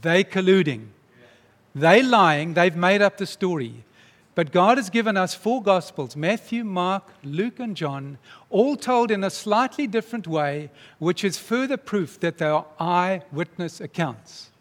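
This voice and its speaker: Speaking a little slowly, a high-voiced male pastor gives an earnest sermon full of emphasis, his tone expressive and a bit bright. The long echo around him suggests a large church hall.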